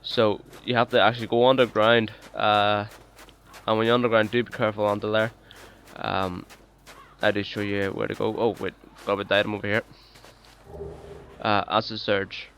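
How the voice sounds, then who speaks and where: Low-voiced man giving hesitant game commentary. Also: normal speed, slight background noise. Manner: hesitant, full of ums and uhs; relaxed, chatty and apologetic. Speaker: let's play host. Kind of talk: casual gameplay commentary.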